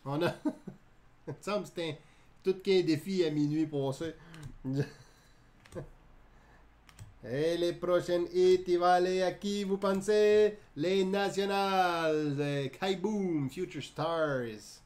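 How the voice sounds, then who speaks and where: A man's voice: high-pitched, takes it slowly, darkish tone. A man with a Quebec French accent hosting a live card break, calling out each card in a chatty way, laughing and joking with viewers. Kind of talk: live card-opening commentary.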